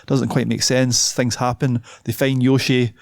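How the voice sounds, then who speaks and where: A man's voice: medium pitch, flat delivery, measured pace, gravelly, no echo, clean studio sound. A man, co-hosting a podcast, talking casually and hesitantly about a film he is reviewing. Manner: hesitant, self-deprecating, loses his thread. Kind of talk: casual chat.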